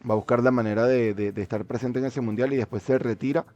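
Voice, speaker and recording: A man's voice: mid-range voice, fairly even intonation, fast, mellow, lo-fi sound, soft background music. A man in a casual football discussion, speaking as a commentator in a hesitant way, often repeating words mid-sentence.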